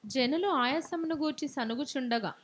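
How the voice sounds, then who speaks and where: A woman with a high voice reads Bible verses aloud during a sermon. Her reading is steady and formal. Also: normal speed. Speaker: scripture reader.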